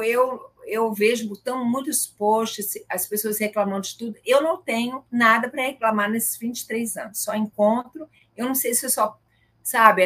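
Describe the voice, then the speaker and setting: A middle-aged woman tells stories in casual conversation. Her voice is husky with a slightly breathy edge. She is animated and acts out the people she quotes. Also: fairly high pitch. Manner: animated, retells scenes with quoted dialogue. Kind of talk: conversational storytelling.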